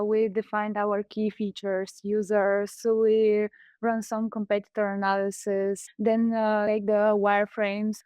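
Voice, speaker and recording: A woman's voice: medium pitch, darkish tone, no echo. A woman from Bulgaria who co-founded a startup, presenting in a webinar in a hesitant way with frequent fillers.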